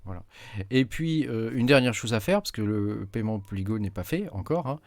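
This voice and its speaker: A man's voice: lowish voice, animated, moderate pace, darkish tone, no room sound. A man giving a casual screen-recorded tutorial, hesitant with many fillers as he clicks through menus at his desk mic. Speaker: tech YouTuber.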